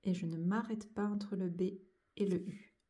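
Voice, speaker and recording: A woman's voice: mid-range voice, fairly even intonation, normal speed, warm tone. A woman teaching young children to join cursive letters, going over each stroke and sound patiently, one step at a time. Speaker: handwriting teacher.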